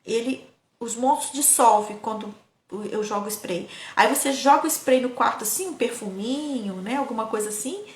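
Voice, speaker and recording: Lively woman telling stories. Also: a little high, normal speed. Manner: lively, keeps addressing the audience. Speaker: parenting educator. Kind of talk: casual storytelling talk. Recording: echoey room.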